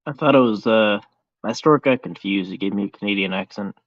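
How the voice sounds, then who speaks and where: Fairly quick and low-pitched, this American voice chat host keeps things casual, sounding laid-back and a little unsure. There's no room sound, and the lo-fi audio comes across dull.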